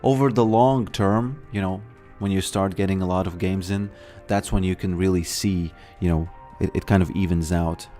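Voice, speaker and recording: A man from Latvia, streaming a game and chatting casually in a halting way, repeating words and filling pauses. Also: low-pitched, fairly even intonation, warm tone, soft background music. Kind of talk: casual live-stream chat.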